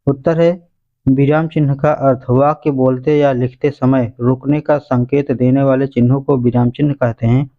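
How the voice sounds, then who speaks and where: A man's voice: mid-range voice, steady tone, normal speed, phone-quality sound. A male teacher going through exam questions and answers point by point, calling his listeners friends. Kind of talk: exam revision lesson.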